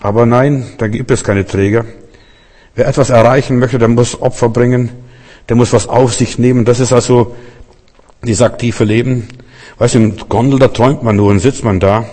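A man preaches with insistent, repetitive emphasis and speaks straight to his listeners. His mid-pitched voice rings out in a church hall with a long, lingering reverb. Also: fairly even intonation, normal speed, mellow. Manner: emphatic preaching, repeated "weißt du", addresses listeners directly. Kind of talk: sermon.

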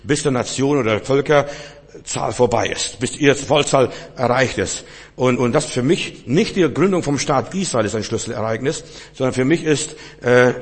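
A husky-voiced man preaches a sermon, pressing his points and then dropping to a hushed tone. His voice rings out with the long reverb of a large hall. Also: medium pitch. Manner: emphatic, swings between loud and hushed.

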